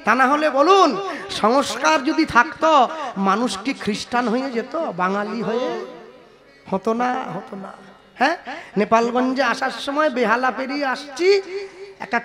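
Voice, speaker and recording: A man giving a devotional kirtan sermon, telling stories in an animated way and breaking into sung chants. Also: very high-pitched, normal speed. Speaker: kirtan singer and preacher. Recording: music playing under the voice.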